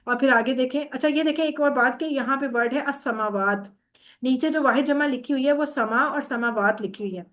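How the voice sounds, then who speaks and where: High-voiced woman teaching Arabic grammar. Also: fairly bright tone. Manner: patient, often checks understanding with "theek hai?"; mixes English words into explanations. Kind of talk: online class lesson explaining Arabic grammar.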